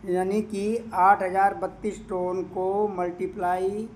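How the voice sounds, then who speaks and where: A man walking viewers through a screen of earnings and doing the sums aloud, repeating the figures and pausing often to hesitate. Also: high-pitched, little pitch movement, a little hiss or hum. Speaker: crypto income promoter. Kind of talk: screen-share walkthrough with running calculations.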